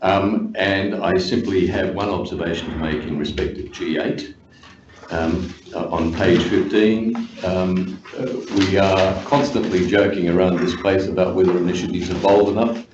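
Deep-voiced wry councillor. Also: male voice, steady tone. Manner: formal, wry, halting with fillers. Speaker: city councillor. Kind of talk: committee meeting discussion. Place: council chamber. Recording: echoey, dull room recording with noise.

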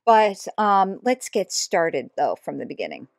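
A woman's voice: lowish voice, very animated, unhurried, gravelly, no echo. Woman commentator, sarcastic reaction host, dry close sound. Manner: sarcastic, mocking asides. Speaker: YouTube commentator.

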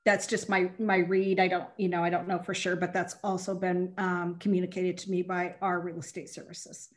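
A woman on city staff answering council questions over a video call, halting and apologetic, with many "um"s. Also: on the low side, level tone.

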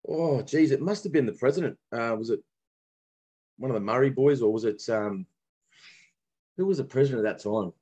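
Husky Australian man telling stories. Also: medium pitch, moderate pace, long pauses, lo-fi sound. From Brisbane, Australia. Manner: relaxed storytelling with mateship slang and many restarts. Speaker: guest, former professional cricketer. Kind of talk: casual podcast conversation.

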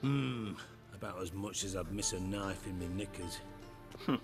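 An actor playing a gruff middle-aged spymaster, brusque, sarcastic and commanding. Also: male voice, sits low, moderate pace, music in the background. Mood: sardonic.

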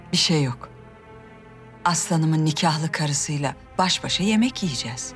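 A woman's voice: sits low, animated, unhurried, soft background music. An actress playing a composed, authoritative Ottoman queen mother in a period drama.

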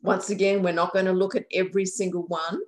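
A woman from a county aging services office walks viewers through a website on a shared screen, friendly and explanatory, correcting herself now and then. Her voice sits on the low side with a darkish tone, moving little in pitch as she talks fast. She's recorded through a computer mic on a video call.

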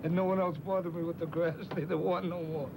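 An older male fisherman telling a lively anecdote aboard a fishing boat, acting out the voices of the people in his story. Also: on the high side, a little fast, creaky. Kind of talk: storytelling interview. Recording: noisy old film documentary sound.

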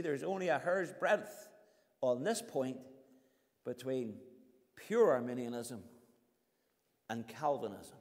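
A man's voice: medium pitch, a little mellow. An older man preaching a sermon, telling anecdotes and building to emphatic points. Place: church hall. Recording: long reverb of a church hall.

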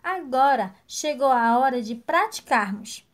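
A woman teaching a recorded lesson to young children, slow and encouraging, praising each answer. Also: high-pitched, lively intonation. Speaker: primary school teacher.

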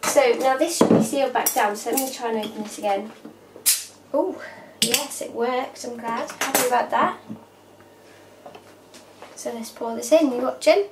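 A woman's voice: a little high, normal speed, long pauses. Chatty woman cooking at home. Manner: chatty, talks while working. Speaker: cooking vlogger. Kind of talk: casual cooking demonstration. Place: home kitchen, indoors. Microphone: camera mic from across the room. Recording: echoey kitchen, distant mic, noisy. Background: clatter of pots and cutlery.

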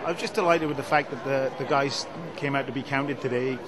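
A man's voice: medium pitch, brisk. A middle-aged man, a coach, speaking frankly and matter-of-factly after a loss. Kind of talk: post-match interview. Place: outdoor stadium, post-match. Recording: crowd noise behind.

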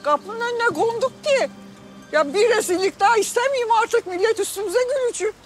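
An actress playing a middle-aged, scolding wife in a TV drama. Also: female voice, very high-pitched, lively intonation, moderate pace, music in the background. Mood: exasperated. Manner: scolding, dialect speech. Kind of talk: TV drama acting.

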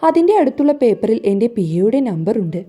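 A woman's voice: on the high side, very animated, fast, warm tone. A woman voicing a stern, commanding young husband who gives curt orders in a storybook reading, over faint music.

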